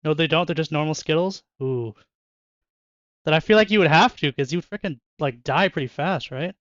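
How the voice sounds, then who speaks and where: A man's voice: on the high side, brisk, fairly bright tone, dry recording, dull audio. A young man chatting casually and joking with viewers while opening card packs in his bedroom, laughing often. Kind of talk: casual chat with live chat. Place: bedroom at home.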